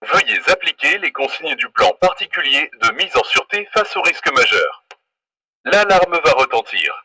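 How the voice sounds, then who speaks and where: A man's pre-recorded emergency announcement played through an alarm loudspeaker, giving slow, insistent, repeated safety instructions in a formal tone. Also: on the high side, sing-song. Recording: distant, thin loudspeaker playback.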